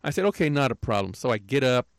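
A man's voice: medium pitch, lively intonation, fast talker, vocal fry, no room sound. An older man telling a rambling, aggrieved story in a casual rant, often tagging his lines with "right?". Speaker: podcaster.

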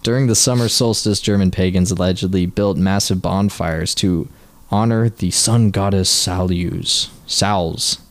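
Guy with a really deep voice reading fun facts off notes, dry close sound, trips on words sometimes. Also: a little slow, no echo. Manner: reads facts aloud, trips over words. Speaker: podcast co-host. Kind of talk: casual chat, reading trivia notes.

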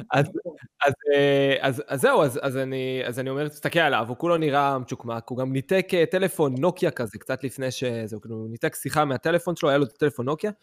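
A young man on a casual podcast telling a story with animated, acted-out dialogue. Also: medium pitch, dry recording. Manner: animated, acts out voices in his stories. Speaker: podcast co-host.

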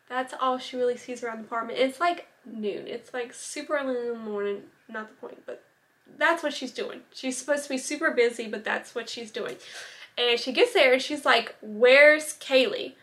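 A woman's voice: fairly high pitch, normal speed, a bit bright. A young woman casually telling a true-crime story, chatty, full of "like" and little asides. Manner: chatty, many "like" fillers and asides.

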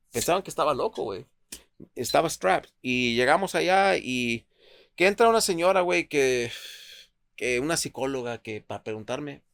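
A man's voice: mid-range voice, gravelly, dry recording. A man from Culiacán, telling a wild story with plenty of swearing and English thrown in. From Culiacán, Mexico. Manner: excitable, profane, switches into English. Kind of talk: animated storytelling with slang and English phrases.

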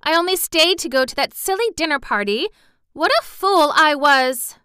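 A woman voicing a frightened, pretty young society mother who pleads and cries out in a high voice while reading a storybook aloud. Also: wildly swooping pitch, measured pace, fairly bright tone, no echo, clean studio sound, heavily acted. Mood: distressed pleading.

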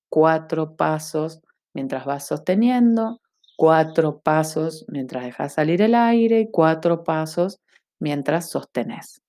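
Woman leading a breathing lesson, really slow talking, slightly low voice, instructive with little check-in questions. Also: warm tone. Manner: instructive, often checks understanding with short questions.

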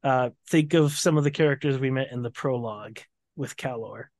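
A man's voice: mid-range voice, normal speed, no room sound. A man co-hosting a casual book discussion podcast, recapping scenes and reading quotes aloud. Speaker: podcast co-host.

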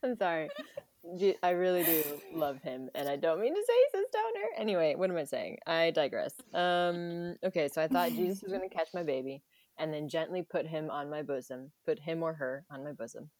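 A young adult woman hosting a podcast, telling stories in a casual, animated way with frequent laughter. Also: low-pitched, a little fast, no room sound. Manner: animated, jokey storyteller who laughs often. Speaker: podcast host, personal trainer. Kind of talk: casual chat.

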